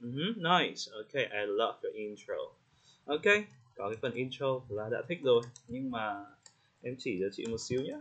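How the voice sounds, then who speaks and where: A man coaching English pronunciation in casual spoken feedback, friendly, slowing down to demonstrate words and laughing lightly. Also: mid-range voice, fairly bright tone, breathy edge. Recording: slightly dull lo-fi audio.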